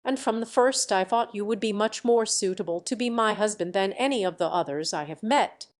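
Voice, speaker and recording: A woman's voice: mid-range voice, a little fast, lightly acted. A woman voicing a vain, scheming young country woman who brags about her beauty, in a storybook reading. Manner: boastful, self-satisfied.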